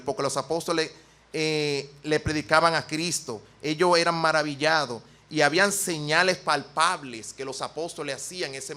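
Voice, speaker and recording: A Dominican man preaches a sermon in church, his voice sitting high and ringing with a bright, forward edge. He talks earnestly and plainly, slipping into homely personal stories to make his point. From Dominican Republic.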